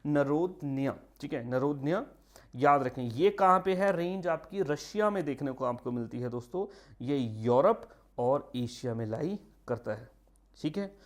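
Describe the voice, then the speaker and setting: A man teaching a geography lesson for exam prep, repeating key names slowly and slipping in English phrases. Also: medium pitch, lively intonation. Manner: repeats key terms, mixes English phrases, frequent "ठीक है"; drawn-out slow emphasis on names, quick asides. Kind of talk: online geography lecture.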